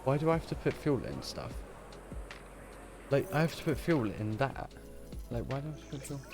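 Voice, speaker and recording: A man's voice: mid-range voice, very animated, normal speed. A man casually commentating on his own gameplay, rambling, sweary and easily distracted. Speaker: streamer. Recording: game music playing underneath.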